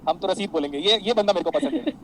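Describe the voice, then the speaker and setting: A man teaching a classroom lecture, animated, mixing explanations with anecdotes for his students. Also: sits high, quick pace, slight background noise, low-quality recording. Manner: animated, addresses students as beta, tells anecdotes.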